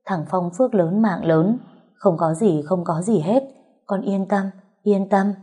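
A woman's voice: mid-range voice, a little slow, warm tone, breathy edge. A woman voicing a worried middle-aged mother-in-law, firm yet tender, who coaxes and soothes. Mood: soothing. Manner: urgent, then coaxing and soothing.

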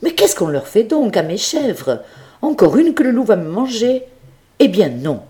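A woman's voice: mid-range voice, big pitch swings, measured pace, mellow, pitched above the performer's own voice. A woman voicing an old male farmer in a storybook, kindly but anxious, exclaiming and scolding his goat. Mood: exasperated. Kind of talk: storybook character reading.

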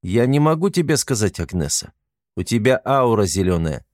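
Man voicing a calm reproachful angel. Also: lowish voice, no room sound, clean studio sound. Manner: measured, sorrowful and accusing.

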